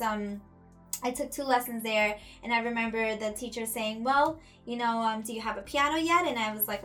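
A woman's voice: fairly high pitch, fairly bright tone. A woman in her thirties, born in Ecuador, founder of a music school, telling her story in an earnest way with many fillers and restarts. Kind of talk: casual interview.

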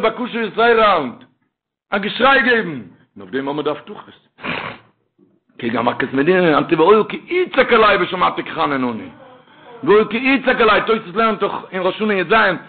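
A man delivers a sermon in a fairly high voice that dips to low murmurs before swelling into loud chanted verses and cries. The sound comes through a tinny, narrow phone-like line. His delivery is fervent and uneven, pressing hard on the recited passages. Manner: swings from low muttering to loud chanted outcries. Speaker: rabbi preacher. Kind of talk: Yiddish-style sermon with chanted Hebrew verses.

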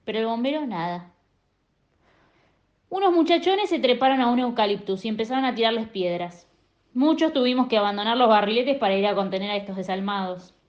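A woman reading a children's story aloud in a lively, expressive way. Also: fairly high pitch, a little fast, highs cut off. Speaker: reader.

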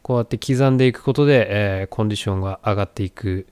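A man with a fairly low voice speaks in a casual vlog style. He thinks aloud in a conversational, reflective manner. The sound is dry, with very little room echo. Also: rapid-fire, a little mellow, clear, resonant tone. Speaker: vlogger. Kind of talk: casual training vlog talk.

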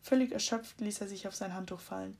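A woman reads a children's story aloud in a calm, storytelling manner. Her voice has a gravelly fry running through it. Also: mid-range voice, quick pace. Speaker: audiobook narrator. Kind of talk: scripted children's story narration.

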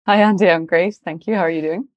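A woman's voice: on the low side, steady tone, fast talker, lo-fi sound. A woman from Galway with a west of Ireland accent, speaking conversationally as an interview guest. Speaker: podcast guest, luxury marketing professional.

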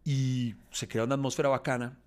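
A man's voice: mid-range voice, level tone, a little fast, clear, resonant tone. A man spins an anecdote in easy podcast banter, voice in a mid register. He jumps into the voices of the people he quotes and breaks into laughter often. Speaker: podcast guest telling a story. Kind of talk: casual storytelling chat.

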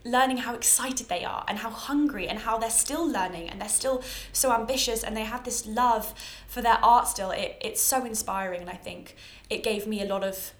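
A woman's voice: fairly high pitch, normal speed. A British woman in her early twenties hosting a chatty podcast in an effusive, self-deprecating way, recorded at home under a towel. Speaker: podcast host. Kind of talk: chatty, informal podcast monologue. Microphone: own bought podcast microphone. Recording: echoey homemade podcast recording.

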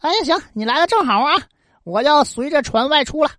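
A woman's voice: high voice, animated, brisk, a bit bright, no room sound, clean studio sound, pitched above the performer's own voice. A woman voicing a fickle young scholar. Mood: glib. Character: young male scholar, fickle and self-serving.

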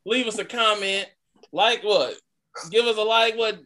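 A man's voice: high voice, fairly even intonation, unhurried, pushed and bright, a little hiss or hum. A man hosting a casual podcast, blunt and swearing freely. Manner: blunt, swears a lot, tries to wrap up the show.

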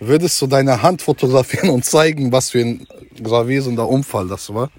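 A man's voice: mid-range voice, a little fast, a little mellow. A man taking part in a casual podcast chat, talking informally. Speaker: podcast participant. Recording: clear background noise with ambience.

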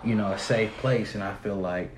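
A man's voice: fairly low pitch, steady tone, normal speed, echoey room, slight background noise, rough recording. A man guesting on a casual podcast, speaking in an earnest, slangy way and asking "you feel me". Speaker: podcast guest and fellow host.

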